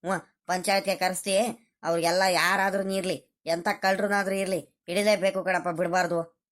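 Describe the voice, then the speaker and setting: A woman voicing a gentle grown child of a village family in a cartoon, a peacemaker. She speaks in a pleading, soothing way, repeating her calls. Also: lowish voice, flat delivery, normal speed, close to an everyday voice. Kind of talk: cartoon voice acting.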